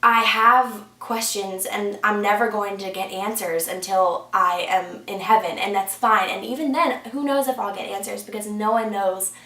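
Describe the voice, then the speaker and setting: A woman's voice: mid-range voice, steady tone, moderate pace, hardly any pauses, sharp tone. A young woman sharing a personal faith testimony in an earnest, conversational way, with plenty of "like" and "um". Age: young adult. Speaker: church member sharing her testimony. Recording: roomy sound from a distance.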